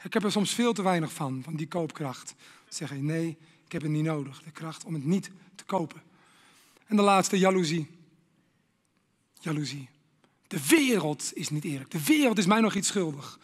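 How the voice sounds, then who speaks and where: A man's voice: fairly high pitch, lively intonation, normal speed, pauses often, slightly rough, in a large hall. A Dutch man preaching a sermon, dramatic, acting out inner voices and dropping to whispers.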